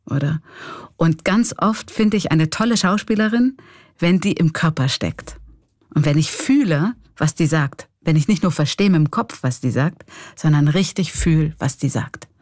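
A woman's voice: low-pitched, animated, moderate pace, a little mellow, no room sound, clean studio sound. A middle-aged woman with a Swiss German accent, a clown and comedian, talking candidly and reflectively in an interview. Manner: reflective, candid, laughs often.

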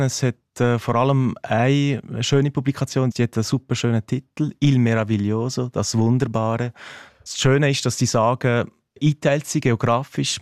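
A teacher from Ticino, Switzerland, is a guest on a radio interview, explaining things in a relaxed way while sounding a touch hesitant and thoughtful. His voice is medium-pitched with a darkish tone, and the studio recording is dry.

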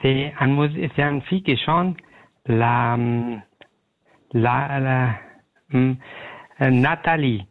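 A man with an Afghan accent calls in to a radio show from home, his medium-pitched voice slow and creaky over a tinny, narrowband phone line. Speaking a second language, he's polite and halting, searching for words in a hesitant conversation.

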